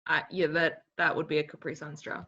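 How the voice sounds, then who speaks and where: A woman co-hosting a casual chat show, her voice bright and forceful. She drops dry, teasing remarks, and the sound is dull and lo-fi. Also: sits low, steady tone, fairly quick. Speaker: co-host.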